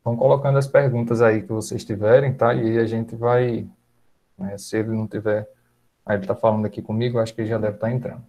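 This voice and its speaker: Northeastern Brazilian man in his thirties, relaxed webinar moderator on earphones, warm low tone. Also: quick pace. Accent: Northeastern Brazilian Portuguese. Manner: relaxed, frequent fillers like "né" and "tá". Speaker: event moderator. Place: small room at home. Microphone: earphones, video call.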